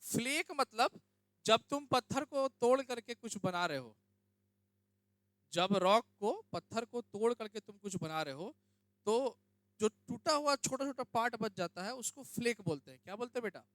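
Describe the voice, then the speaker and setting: A man's voice: very high voice, lively intonation, normal speed, fairly bright tone, no room sound. A young male teacher giving a classroom lecture, often asking students questions and checking that they understand. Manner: questions students, addresses them as beta.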